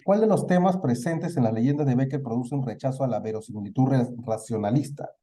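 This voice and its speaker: Male Peruvian teacher, very dark tone, conversational lecture style. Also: mid-range voice, fairly quick. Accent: Peruvian Spanish. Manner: asks students questions and answers them himself. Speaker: literature teacher. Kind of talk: online class review.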